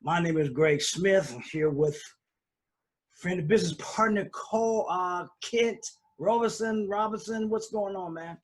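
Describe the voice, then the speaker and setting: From his home, a man whose voice sits slightly high runs a relaxed live stream, speaking into a computer microphone. His talk wanders loosely, packed with fillers and false starts, at a measured pace.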